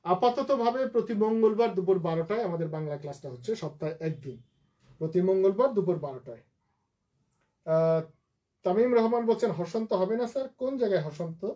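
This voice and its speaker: A man teaching a live online class, patiently repeating each word slowly to drill its pronunciation. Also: high voice, expressive, warm tone, lo-fi sound. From Bangladesh.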